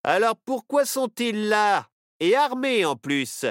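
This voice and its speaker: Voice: mid-range voice, very animated, takes it slowly, no echo, studio quality, pitched above the performer's own voice. A storyteller voicing a distrustful cowboy sheriff who barks orders. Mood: suspicious. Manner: blustering, commanding, distrustful. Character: suspicious, gruff cowboy sheriff.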